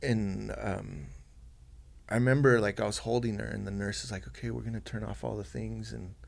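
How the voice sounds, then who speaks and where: A man talks through a personal story on a podcast. His voice sits low and gravelly. He speaks softly and haltingly, with plenty of fillers and restarts. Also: steady tone. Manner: soft-spoken, halting, many fillers and restarts. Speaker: podcast guest.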